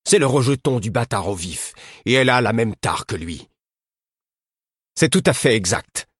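A man's voice: medium pitch, lively intonation, moderate pace, husky, no echo, clean studio sound, voice pushed up. A man reading a story aloud voices a heavyset, disdainful captor. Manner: disdainful, then panicked.

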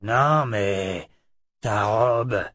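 A man's voice: fairly low pitch, drawn-out words, fairly bright tone, dry recording, studio quality, full character voice. A man reading an audiobook and voicing a burly, suspicious thug who growls his lines. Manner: gruff, growling.

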